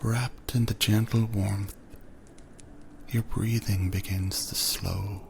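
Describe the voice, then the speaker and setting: A man narrating a second-person sleep story in a soft, soothing voice that often drifts into whispers. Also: on the low side, level tone, takes it slowly, vocal fry, slight background noise.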